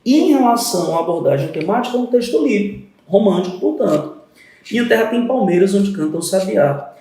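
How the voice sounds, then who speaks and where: A man's voice: high voice, lively intonation, fairly quick, dark tone, reverberant, far from the mic. A male literature teacher, explaining a poem step by step and counting syllables aloud. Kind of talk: exam-prep literature lesson.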